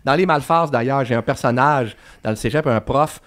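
A man's voice: medium pitch, normal speed, fairly bright tone. A man with a Québécois French accent, a guest novelist in casual podcast chat, emphatic and swearing casually.

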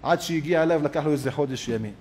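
A man, a rabbi, gives a sermon in a synagogue as an animated storyteller who acts out the people in his story. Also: a little high.

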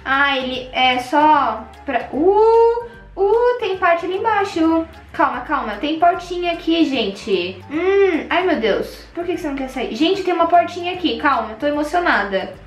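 A young Brazilian woman with a Brazilian Portuguese accent, hosting an excitable Minecraft let's play and gasping at every find. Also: extremely high pitch, unhurried, reverberant, soft background music. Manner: excitable, gasping, squealing at finds. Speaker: gaming channel host.

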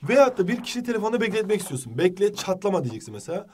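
A man teaching a jokey exam-prep lesson, with a Turkish accent, reading English phrases slowly. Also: high voice, very animated, darkish tone, recorded from a distance.

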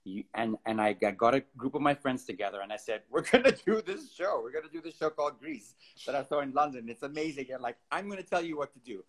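A man's voice: mid-range voice, fast talker. Kenyan-born man telling stories on a video call. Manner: relaxed storytelling with frequent ums and likes. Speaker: theater director. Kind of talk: casual video-call interview. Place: home room with bookshelves. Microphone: laptop webcam on video call.

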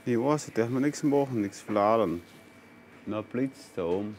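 A man's voice: on the low side, animated, moderate pace, darkish tone, slight background noise. A man in his fifties with a Styrian Austrian accent, a carpenter chatting casually and repeating himself, in city streets and on a train. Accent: Styrian Austrian German. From Austria, near Graz. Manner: chatty, repetitive, exclaims "ein Wahnsinn". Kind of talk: casual chat, broken simple phrasing to foreigners.

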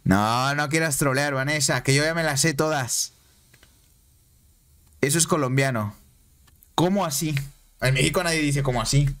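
Excitable Mexican man streaming a game. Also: fairly high pitch, moderate pace, pauses often. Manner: excitable, repeats phrases, banters with chat. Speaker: gaming streamer. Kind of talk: casual live-stream chat over gameplay.

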